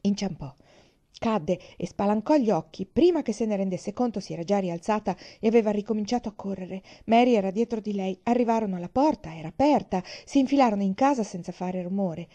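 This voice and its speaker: A woman reading a children's novel aloud, in a gentle, measured storytelling voice. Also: mid-range voice, expressive, highs cut off. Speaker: audiobook reader.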